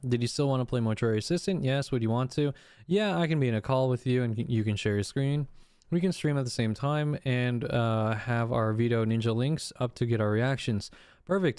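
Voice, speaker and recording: A man's voice: medium pitch, clean tone, no room sound, studio quality. Man, streamer type, reading logs off screen, plain mid voice, breaks off to comment. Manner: reads text flatly, breaks off with swearing and laughs. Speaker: streamer reacting to a document. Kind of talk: casual reading of messages aloud with commentary.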